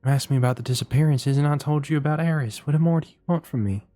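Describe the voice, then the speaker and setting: A man doing a hushed, flirty elf courtesan. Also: extremely low pitch, moderate pace, breathy edge, faint music behind. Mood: defensive. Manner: hushed, secretive, sometimes snappish. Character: flirty nervous wood elf courtesan woman.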